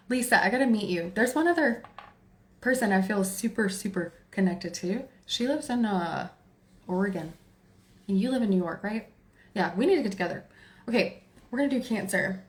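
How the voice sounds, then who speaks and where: A woman's voice: medium pitch, animated, moderate pace, pauses often. A woman in her forties with a Texan accent, hosting a casual tarot livestream, chatty and laughing as she talks to her viewers and to herself. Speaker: tarot reader livestream host.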